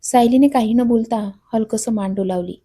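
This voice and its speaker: Narrating a romance, this woman voices all the characters' lines herself without changing her voice. She speaks at normal speed, her slightly high voice warm with a breathy edge.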